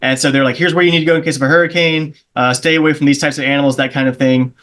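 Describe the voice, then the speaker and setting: A guest comedian from Charleston, South Carolina, chats on a podcast in a slightly high, steady, somewhat bright voice at a very fast clip. He rambles through anecdotes, acting out the voices of the people in his stories.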